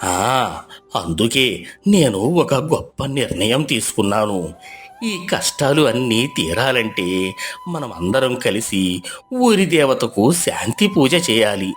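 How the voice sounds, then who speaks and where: A man voicing an elderly, hard-of-hearing village headman in a storybook tale, speaking slowly and deliberately in a low voice. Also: lively intonation, faint music behind, close to an everyday voice. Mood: solemn. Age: older. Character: elderly deaf male village headman, slow and worried. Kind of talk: storybook voice acting.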